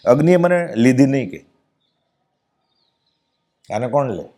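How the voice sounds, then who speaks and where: A man with a Gujarati accent giving a devotional discourse, chanting verses slowly and then explaining them in plain speech. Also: medium pitch, lively intonation, dark tone. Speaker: spiritual discourse speaker.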